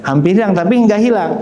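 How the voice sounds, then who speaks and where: High, mellow male teacher. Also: slight background noise. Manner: patient, repetitive explaining, modelling sounds for students to echo. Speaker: Quran recitation teacher. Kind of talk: recitation lesson with students repeating. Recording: echoey room.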